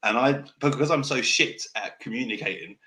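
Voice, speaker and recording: This podcast host talks off the cuff in a bright, medium-pitched, forceful voice, saying w in place of r because he can't pronounce his R's. His delivery is fast, direct, and passionate, sometimes sounding angry, and he rambles, often loses his thread, and swears casually.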